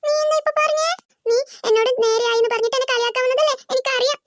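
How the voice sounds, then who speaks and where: A performer voicing a touchy young girl in a cartoon who is quick to feel hurt and sulk. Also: extremely high pitch, a little hiss or hum. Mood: sulky. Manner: sulky, quick to take offence.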